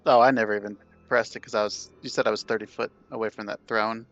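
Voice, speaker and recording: A man's voice: on the low side, flat delivery, fast, a bit bright, dry recording. A man playing a tabletop game, chatting casually and hesitantly as he works out his moves. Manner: hesitant, rambling. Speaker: player. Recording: dry, muffled recording.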